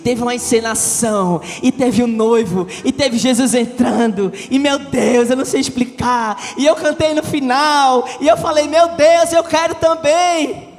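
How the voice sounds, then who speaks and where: A woman's voice: high-pitched, measured pace, a little mellow, big-room sound, slight background noise, pitched above the performer's own voice. A man quoting an eager young woman friend. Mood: excited.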